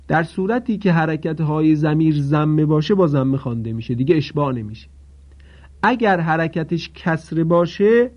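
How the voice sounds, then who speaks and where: A man teaching a step-by-step recitation lesson, methodical and repeating his points while asking listeners to pay attention. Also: fairly high pitch. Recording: dull lo-fi recording.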